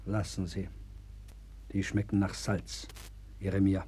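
A man's voice: deep voice, little pitch movement, measured pace, dark tone. Wavering, desperate king on a crackly record. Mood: resigned. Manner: theatrical, swinging between outbursts and whispers. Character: desperate, wavering, doomed king clinging to hope. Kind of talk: German radio play acting. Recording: crackly, noisy early 1960s vinyl record.

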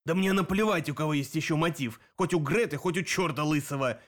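A man's voice: a little high, a little fast, close to an everyday voice. A man reading an audiobook, voicing a stubborn werewolf pack leader with a curt, barking delivery.

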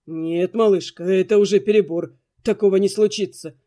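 A woman reading an audiobook voices a wry, teasing nobleman in a lowered voice. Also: steady tone, moderate pace, mellow, lightly acted. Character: amused noble man, teasing duke.

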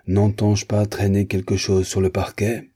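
A man's voice: fairly low pitch, completely flat delivery, a little slow, husky. A man reading aloud, playing a fussy, tyrannical captain who barks orders. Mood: outraged. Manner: barking orders, shouting.

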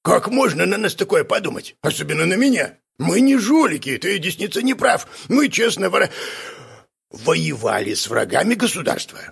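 A man's voice: high voice, big pitch swings, moderate pace, vocal fry, fairly bright tone, slightly rough, pitched above the performer's own voice, full character voice. A man voicing a sly, self-important male swindler who talks in a wheedling way. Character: sly big-eared male swindler, smooth-talking.

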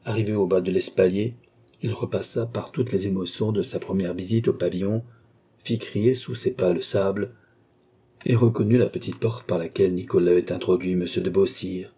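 A man narrating a classic novel as an audiobook in a measured, even storytelling manner. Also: deep voice, slightly rough.

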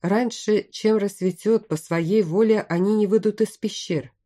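A self-assured young prince speaks with calm confidence, voiced by a woman narrator. The tone is mellow and dark. It belongs to an audiobook. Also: medium pitch, a little slow, lightly acted. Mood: confident. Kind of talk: audiobook character voice.

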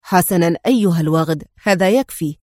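A woman's voice: mid-range voice, fairly quick, no room sound, clean studio sound, close to an everyday voice. A woman voicing a stern, tough male secret agent in a storybook reading, clipped and menacing. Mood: menacing calm.

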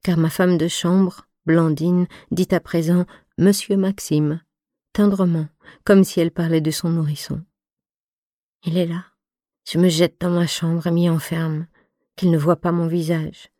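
Woman audiobook reader, low slow warm narration, dry close mic. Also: level tone, dry recording. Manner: intimate, measured, reflective. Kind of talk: literary narration in first person.

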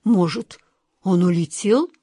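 A lazy, melancholy tomcat from a storybook grumbles in a lowered, sleepy voice, put on by a woman. The mic is close and dry. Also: slow, mellow, husky, no echo. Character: Vaska, melancholy lazy house cat, male.

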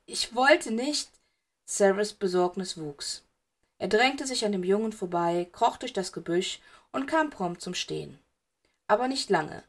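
A woman reads fan fiction aloud in a steady, even storytelling voice. Her pitch sits in an ordinary middle range for a woman, and she keeps a calm, continuous narration between the characters' lines. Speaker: audiobook reader.

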